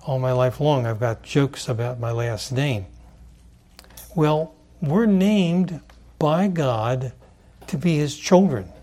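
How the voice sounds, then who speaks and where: A man preaching a sermon as pastor, in a deliberate way that stresses key words. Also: mid-range voice, warm tone.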